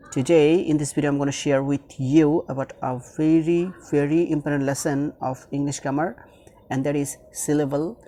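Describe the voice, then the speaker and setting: A man's voice: on the high side, mellow, a little hiss or hum. A man teaching English grammar in a YouTube lesson, repeating each rule and mixing with English.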